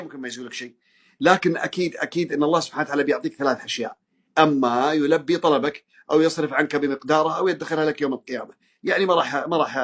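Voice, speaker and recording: A man in his forties with a Saudi Gulf accent, giving an earnest religious talk to an audience, pleading and repeating phrases for emphasis. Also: fairly high pitch. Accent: Saudi Gulf Arabic. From Saudi Arabia. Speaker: preacher speaking to an audience.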